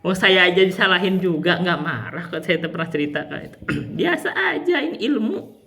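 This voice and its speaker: A man teaching Quran recitation rules, explaining patiently and demonstrating long drawn-out recited syllables. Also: high voice, animated, vocal fry, pushed and bright. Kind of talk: tajwid lesson with recited examples.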